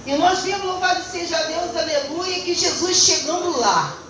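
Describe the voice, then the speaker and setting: A Brazilian woman, a church deaconess, delivers a fervent testimony sermon in a church hall, frequently interjecting words of praise in her Brazilian Portuguese accent. Her voice is extremely high-pitched, expressive and a little bright, at a moderate pace. The mic sits far away in a very echoey hall, with slight background noise.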